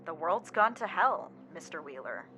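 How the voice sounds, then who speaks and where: Bright-edged synthesized phone voice of a dying woman, formal and unreadable, a woman doing it. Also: fairly low pitch, expressive, normal speed, slight background noise. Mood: flat urgent.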